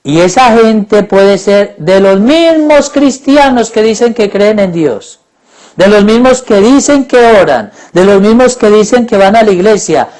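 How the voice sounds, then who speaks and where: High-voiced fervent male priest preaching. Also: animated, measured pace. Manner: fervent, repetitive preaching that swells to loud pleading cries. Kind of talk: sermon at Eucharistic adoration. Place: church.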